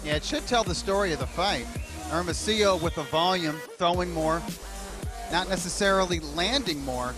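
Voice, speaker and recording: A man's voice: high-pitched, normal speed, over music. A man giving live sports analysis as a boxing commentator.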